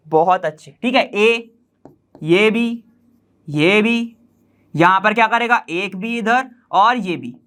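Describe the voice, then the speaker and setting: A very high-pitched man with a sharp, clean tone teaches chemistry online, talking casually as he draws on a board. He checks frequently that students understand and goes over key terms slowly.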